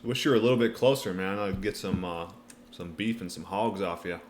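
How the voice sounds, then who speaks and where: A man's voice: low-pitched, a little fast, slight background noise. A man hosting a casual livestream Q&A, talking in a laid-back, colloquial way as he reads and answers viewer comments. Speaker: livestream host.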